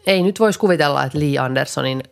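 A woman co-hosting a podcast, telling a story in an animated way, with loud bursts and low muttered asides. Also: vocal fry. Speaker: podcast co-host. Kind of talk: casual chat.

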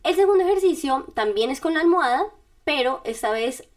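A woman podcast host with a high-pitched, animated voice speaks a little fast as she gives casual, step-by-step self-help directions. She talks straight to the listener in a chatty, informal way, with little laughs.

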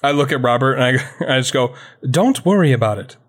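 Animated joking man player. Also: mid-range voice, a little fast. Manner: joking, mock-stern player. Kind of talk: casual tabletop play.

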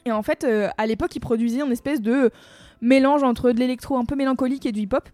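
A woman's voice: sits high, fairly even intonation, fast talker, a little mellow, no echo. Chatty French-speaking woman hosting music talk. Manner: chatty and enthusiastic, many fillers. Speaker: music radio host. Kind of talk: casual music chat.

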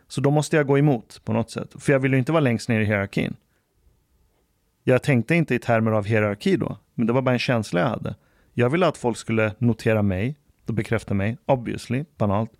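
Gravelly, reflective man chatting. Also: mid-range voice, a little mellow, no echo, studio quality. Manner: slow, reflective storytelling. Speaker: podcast co-host. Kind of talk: casual chat.

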